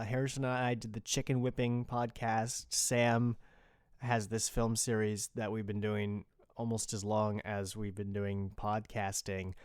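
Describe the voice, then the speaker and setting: In clean studio quality with a dry sound, a man who hosts and created his own podcast rambles informally through unscripted talk, swearing a bit. His voice is fairly low, darkish, clear, and resonant.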